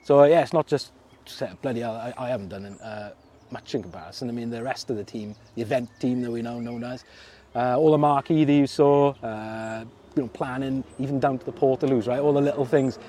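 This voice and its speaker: A fishing club secretary from Merthyr Tydfil, Wales, speaks with a South Wales Merthyr accent as a guest in a loose, casual interview. His mellow, dark voice sits in a man's ordinary middle range and runs a little fast, full of laughs, fillers and restarts, with a little hiss or hum in the background.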